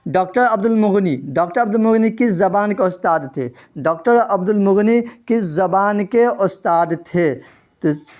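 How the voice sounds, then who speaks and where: A man's voice: sits high, darkish tone. A man teaching an exam-prep quiz lesson. He reads out the answer options and repeats each question to his students.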